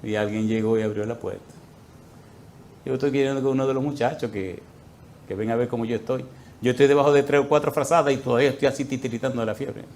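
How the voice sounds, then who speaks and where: Male preacher, mid-pitched, dramatic storyteller who swings between hushed asides and loud outbursts. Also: fairly even intonation, quick pace, a little hiss or hum. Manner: dramatic storytelling, acting out his own prayers with sudden loud outbursts. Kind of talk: sermon storytelling.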